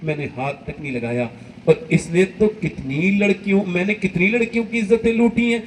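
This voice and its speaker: A man's voice: sits high, distant mic, slight background noise, pitched above the performer's own voice, natural voice, low-quality recording. A man preaching outdoors voices a remorseful male sinner who weeps and cries out to God. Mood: weeping. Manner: weeping, remorseful.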